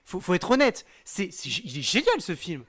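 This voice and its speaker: A man speaking as a podcast guest, lively and defensive in a casual chat, often breaking into laughter. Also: high voice, moderate pace, breathy edge.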